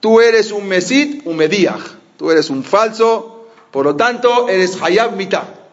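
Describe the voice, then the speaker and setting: A man voicing a stern, defiant rabbi who scolds forcefully, in a muffled lo-fi recording. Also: high-pitched, expressive, slow, voice pushed up. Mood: stern scolding. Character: stern older male rabbi, defiant scholar. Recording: muffled lo-fi audio.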